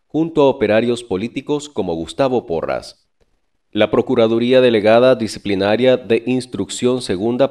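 A man reading a scripted news voice-over in a steady, formal way. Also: on the low side. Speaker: news narrator.

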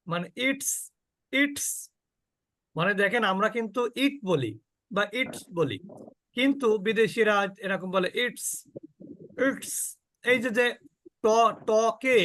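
A man with a fairly high voice leads a Quran recitation lesson, explaining patiently and asking questions he answers himself. He demonstrates each sound several times over. The recording is dry and close, with no room echo. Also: pushed and bright. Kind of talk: online tajweed class.

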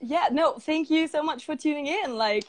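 A woman's voice: high-pitched, normal speed, low-quality recording. A woman hosting a live-stream interview, chatty and giggly, with many fillers. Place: indoors, on a live video stream.

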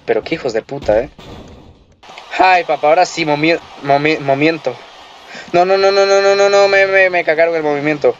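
A young man commenting on a wrestling video game, excitable and profane, yelling at the action. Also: a little high, a little fast, slight background noise. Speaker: gameplay commentator. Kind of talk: casual gameplay commentary. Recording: lo-fi muffled recording.

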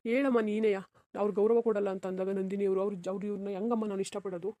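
A woman's voice: medium pitch, flat delivery, fast, no room sound, natural voice. Woman voicing a sorrowful, resigned young husband. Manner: soft, resigned, pleading. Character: sad, self-sacrificing young married man. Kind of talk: cartoon voice acting.

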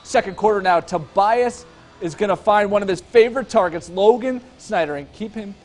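Punchy guy doing football highlights, pretty high voice, tv sports anchor. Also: normal speed. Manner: energetic, punchy. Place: TV studio.

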